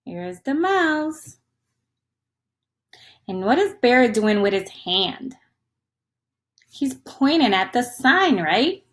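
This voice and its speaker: A storyteller reads a picture book aloud to young children in a highish, expressive voice with big swings of intonation. She goes very slowly and sounds teacherly, stopping to ask her young listeners questions.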